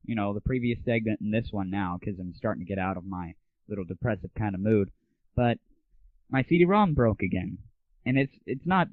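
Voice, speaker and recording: Tinny 1990s-style lo-fi audio, dry and phone-like, carries a mid-range male voice. He's hosting a laid-back show and venting his opinions on gaming and music with exasperated, irreverent bluntness.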